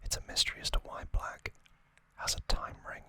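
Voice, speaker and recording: The recap comes from an ASMR host who whispers it breathily and without voice, stopping briefly after each short, hushed phrase.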